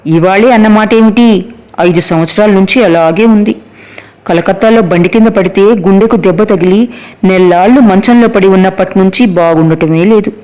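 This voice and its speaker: A weary young landowner speaks low and hesitantly in an audiobook story, voiced by a man in his own high-pitched voice. The lines come out subdued, with little force behind them. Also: moderate pace, darkish tone, lightly acted, low-quality recording. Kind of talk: audiobook character voice.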